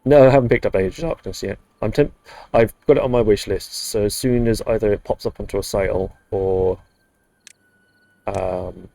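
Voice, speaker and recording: Gravelly low-voiced British man streaming. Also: moderate pace, warm tone, dry recording. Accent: British English. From United Kingdom. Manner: rambling, dry, muttered asides. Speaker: game streamer. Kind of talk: casual live-stream chat.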